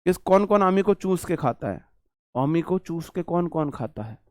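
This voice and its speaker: A man's voice: fairly high pitch, lively intonation, normal speed, no room sound, clean studio sound. A young man teaching English vocabulary in a casual classroom lecture, joking and repeating lines for emphasis.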